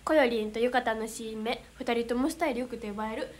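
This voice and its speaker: A woman's voice: a little high, very fast. A young woman with a Kansai accent, chatting casually on a livestream as an idol, reading fan comments in a bubbly, giggly, easily flustered way. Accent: Kansai Japanese. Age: young adult.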